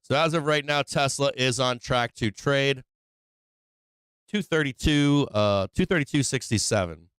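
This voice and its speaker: A sick man with a fading voice runs a casual stock-market livestream, working through charts out loud and peppering in rhetorical "right?"s. He speaks at a measured pace in a medium-pitched, slightly bright voice, clean in tone and free of room sound.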